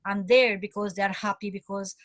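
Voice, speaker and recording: On a video call, a community speaker from Romania talks enthusiastically and informally, with many fillers and restarts. Her mid-range voice is a bit bright, with fairly even intonation and a moderate pace, captured in a dry recording.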